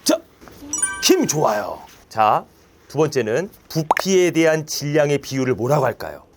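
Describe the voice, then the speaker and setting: Man, science teacher in a classroom, fairly high and highly animated, playful, quizzes his pupils. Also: moderate pace, over music. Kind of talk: classroom lesson for children.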